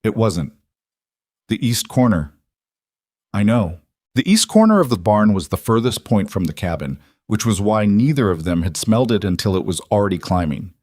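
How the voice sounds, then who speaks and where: A man narrating a scripted western story in a steady, unhurried way. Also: low voice, no echo, studio quality.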